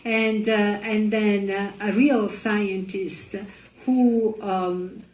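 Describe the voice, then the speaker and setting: A woman's voice: mid-range voice, fairly even intonation, very slow, a little mellow. A woman who produced the film, answering on a panel in a hesitant way, searching for words. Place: festival screening room. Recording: echoey room with faint noise.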